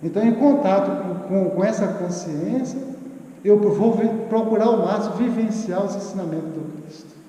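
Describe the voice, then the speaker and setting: A man's voice: high voice, normal speed, mellow. A Brazilian man in his fifties giving an earnest spiritual lecture, repeating words for emphasis. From southern Bahia, Brazil. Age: 50s. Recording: echoey hall with long reverb.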